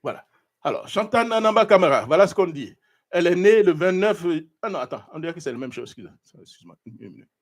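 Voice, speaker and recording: A man's voice: high voice, quick pace. A man hosting a live talk show, giving indignant political commentary while looking things up online. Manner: animated, indignant, searching online while talking. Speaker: show host.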